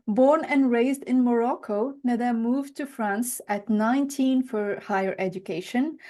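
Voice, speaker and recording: A woman's voice: fairly high pitch, mellow. A woman hosting a podcast, reading a polished introduction and then asking interview questions with small restarts. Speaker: podcast host.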